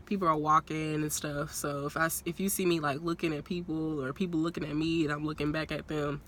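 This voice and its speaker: A young woman in her twenties chats to her phone from the seat of a parked car, rambling and laughing easily. Her voice is bright but a little stuffy and nasal from a cold. A faint outdoor hum sits under the recording. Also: sits low, fairly even intonation, a little fast. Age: young adult. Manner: chatty, rambling, laughs often. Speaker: vlogger. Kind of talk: casual talking-head vlog. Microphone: phone propped on a purse.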